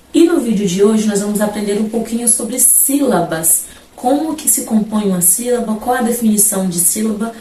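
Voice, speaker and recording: A woman's voice: mid-range voice, mellow. Woman teacher, patient and explanatory, stretches out example words; recorded at a distance in an echoey room, faint hiss behind. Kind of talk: grammar lesson. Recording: roomy, from a distance, faint background noise.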